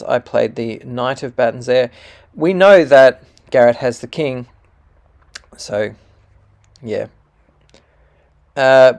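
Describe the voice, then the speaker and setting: Gravelly man explaining a card game. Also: mid-range voice, darkish tone. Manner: patient, explanatory, with fillers and self-corrections.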